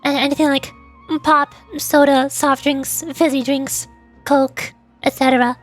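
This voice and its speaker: Here a woman streamer, a VTuber, talks casually with her chat in a high voice with a flat delivery and a slightly slow pace. Background music plays as she muses hesitantly, tripping over repeated words and gently knocking herself.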